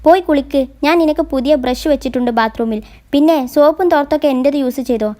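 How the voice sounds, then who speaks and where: A woman voicing a calm young man who gently reassures and teases his girlfriend, read in her own voice. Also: high-pitched, quick pace, lightly acted. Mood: tender. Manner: gentle, reassuring, quietly playful.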